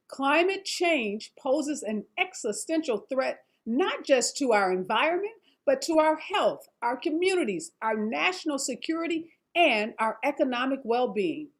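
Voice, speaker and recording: High-pitched American woman hosting. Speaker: host. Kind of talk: scripted news-style narration and panel hosting.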